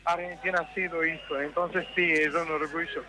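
A man from Brazil speaking Spanish with a Brazilian Portuguese accent, halting and searching for words in a street interview. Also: on the high side, flat delivery, sharp tone, rough recording.

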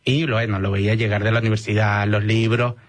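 On the low side and flat in delivery, the voice belongs to a 30-something Venezuelan-accented doctor. As a radio interview guest, he talks in a measured manner with plenty of hesitations.

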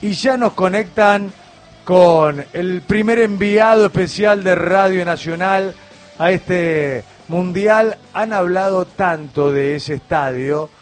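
A man with an Argentine Spanish accent hosts a live radio sports show from the studio. His voice sits high, and he announces names and throws to the reporter with energy. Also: takes it slowly, soft background music.

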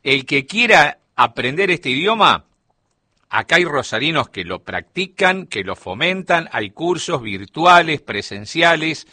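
Speaking a little slowly, a middle-aged radio columnist with a Rioplatense Spanish accent walks through a topic in a studio chat, explaining it like he's telling a story. His voice sits a little high, swings widely in pitch and has a sharp edge, with no room sound.

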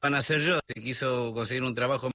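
A male radio co-host from Buenos Aires presents music in casual chat, speaking Rioplatense Spanish in a hesitant way and letting sentences trail off. His bright, medium-pitched voice is steady but not at its best, captured on a dry, close mic with no room sound.

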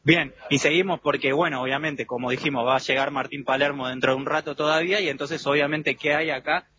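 A man with an Argentine Rioplatense accent doing a live radio field report and street interviews, pausing often with "eh". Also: fairly high pitch, steady tone. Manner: hesitant with frequent "eh" fillers. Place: outdoor fan zone with people around. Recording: dull lo-fi radio with loud background noise.

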